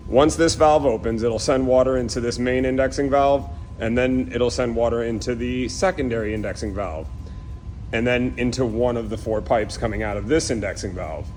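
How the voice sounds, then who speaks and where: A man's voice: mid-range voice, darkish tone, slight background noise. A man working as an irrigation technician outdoors, casually explaining each repair step in a plain, practical way as he works. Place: outdoors at a job site.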